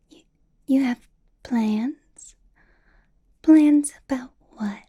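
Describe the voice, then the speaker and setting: Playing a female vampire boss in an ASMR roleplay, a woman whispers in a breathy, hushed, slightly high voice, slow and deliberate, with soft little laughs. She dotes on the listener with possessive sweetness, a controlling menace lurking beneath her soft, mellow tone.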